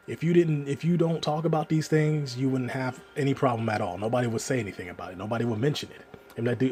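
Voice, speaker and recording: A man's voice: mid-range voice, mellow, a little hiss or hum. A man giving ranting reaction commentary, scolding and exasperated.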